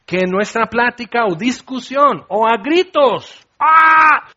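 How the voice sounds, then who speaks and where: Middle-aged man preaching, high-pitched voice, lively and theatrical, slightly muffled recording. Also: measured pace. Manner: animated, acts out scenes with shouts and laughs. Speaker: pastor. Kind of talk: sermon.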